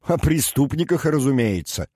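A man's voice: lowish voice, expressive, moderate pace, mellow, dry recording, clean studio sound, lightly acted. Man voicing a languid aristocratic prisoner. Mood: ironic. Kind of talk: audiobook character reading.

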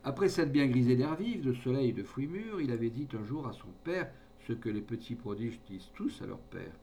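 A man narrating a classic short story in a measured, expressive reading voice. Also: mid-range voice, a little hiss or hum. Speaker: audiobook narrator.

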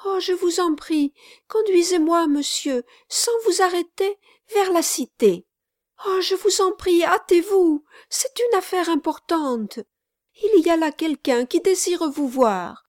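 A woman's voice: a little slow, dry recording, studio quality. A woman doing a breathless little servant girl. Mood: urgent pleading. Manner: high, eager and out of breath. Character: breathless small servant girl, urgent and pleading.

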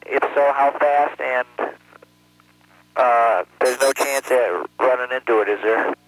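A man's voice: mid-range voice, slow, rough recording. A man, an astronaut, talking to mission control in an easygoing, procedural way over a space-to-ground radio.

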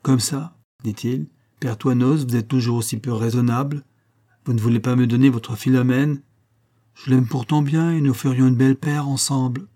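Brief: male reader voicing a nonchalant, persistent young coachman, coaxing tone, warm timbre. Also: mid-range voice, steady tone, normal speed, lightly acted. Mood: coaxing, cheeky. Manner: coaxing and easy-going.

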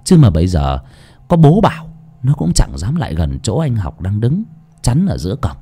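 Dark-voiced male storyteller, expressive. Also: fairly low pitch, normal speed, breathy edge, soft background music. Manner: expressive, dramatic reading. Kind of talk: scripted audiobook narration of a ghost story.

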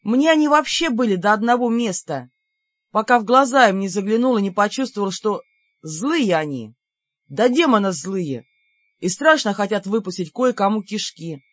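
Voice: medium pitch, animated, normal speed, fairly bright tone, no echo, muffled recording. A narrator doing a hotheaded injured young demon. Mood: aggrieved. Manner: groaning, indignant outbursts.

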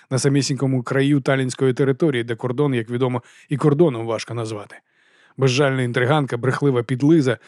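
A man reading an audiobook novel in a measured, expressive way. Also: medium pitch, no room sound, clean studio sound. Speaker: audiobook narrator. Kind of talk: scripted narration.

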